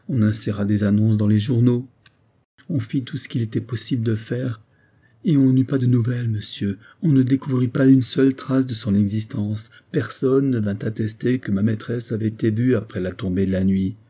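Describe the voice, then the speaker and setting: A soft-hearted carpenter's wife in an old-fashioned storybook, tearful and pleading, her voice rising whenever her grief breaks through, as a male narrator puts her on. The timbre stays husky and dark. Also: medium pitch. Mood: distressed. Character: tender, tearful carpenter's wife, middle-aged servant woman.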